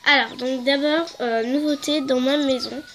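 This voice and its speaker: Her voice is high and fairly even in intonation, moving at a normal speed with a slightly bright quality, and there's a little background noise. She's a young woman with a head cold, a gaming video host chatting hesitantly with many fillers as she casually walks through her game.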